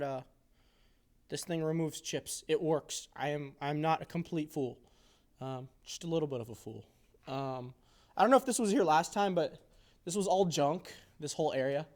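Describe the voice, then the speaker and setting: In an indoor workshop, a man in his early twenties gives a casual, off-the-cuff tour, rambling with jokey self-deprecation and playful exaggeration. His voice is fairly high-pitched with a darkish tone.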